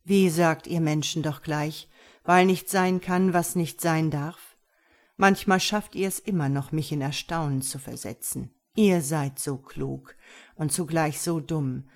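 A woman's voice: deep voice, steady tone, unhurried, a little mellow. A woman reading a scornful male stone angel. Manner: scornful, lecturing, rhetorical questions. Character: mocking male stone angel, sardonic and lofty. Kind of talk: audiobook character reading.

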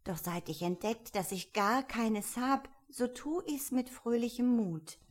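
A woman voicing a polite, timid young girl in a storybook reading, pitched up and eager. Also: unhurried. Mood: reciting. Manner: higher, eager, slightly tearful. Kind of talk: audiobook character voice.

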